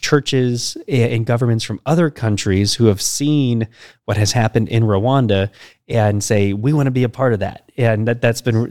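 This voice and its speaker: A man hosting a church podcast interview, upbeat and a little halting, with fillers and restarts. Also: medium pitch, darkish tone, no echo, studio quality. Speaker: podcast host.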